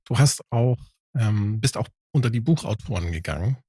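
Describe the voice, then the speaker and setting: A man's voice: fairly low pitch, animated, moderate pace, warm tone, husky, dry recording, clean studio sound. A man hosting an interview, asking long, winding questions in a chatty way. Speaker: interviewer, host. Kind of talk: casual interview talk.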